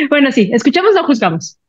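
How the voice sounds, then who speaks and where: A woman gives an emotional personal testimony, retelling conversations in animated voices. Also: sits high, dull audio. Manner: emotional, animated storytelling with lively retold quotes. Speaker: podcast guest.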